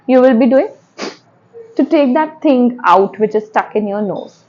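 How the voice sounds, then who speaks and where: A woman's voice: fairly high pitch, expressive, a little slow, muffled recording. A woman with an Indian accent giving spoken yoga instruction step by step, repeating and rephrasing key points as she goes.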